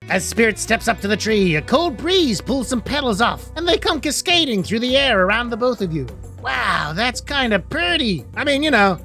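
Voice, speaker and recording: A woman playing a dating game and commenting with jokes, her voice gone hoarse from doing voices. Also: fairly high pitch. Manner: joking, animated. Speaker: gaming video creator. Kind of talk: let's play commentary.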